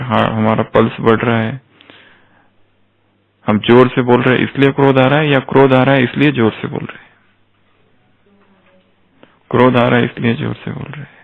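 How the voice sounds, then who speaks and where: Gravelly man lecturing over a tinny line. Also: mid-range voice. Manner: poses rhetorical questions to listeners; mixes in English terms. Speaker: spiritual lecturer. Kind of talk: explanatory discourse. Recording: tinny phone-like sound.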